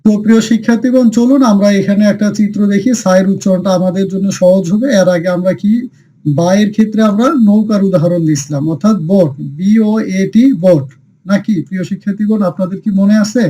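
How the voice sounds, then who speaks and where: A man with a fairly high, mellow voice leads a recorded class on reading the Quran. He works through the material with steady repetition, putting each question to his students and then answering it himself. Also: fast. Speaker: Quran teacher.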